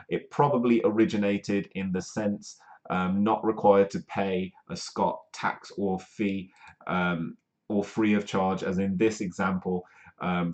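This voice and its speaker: A man's voice: fairly low pitch, a little mellow. A man hosting a live comedy news stream from the UK, reading articles aloud with rambling asides and plenty of ums. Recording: dull lo-fi stream audio.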